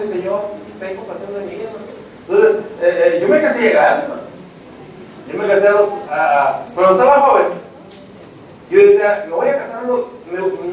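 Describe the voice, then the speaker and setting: In an echoey church hall, with the mic set at a distance, a man with a high voice preaches an evangelistic sermon, addressing his "hermanos." He tells stories dramatically and acts out the voices of the characters. A faint hiss or hum sits under the recording.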